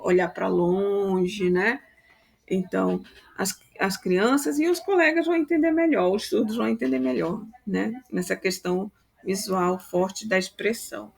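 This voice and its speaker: Woman, Brazilian Portuguese accent, teacher, gravelly, medium pitch, casual instructions. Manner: informal, frequent tag questions, drawn-out slow words. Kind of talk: classroom instructions to students.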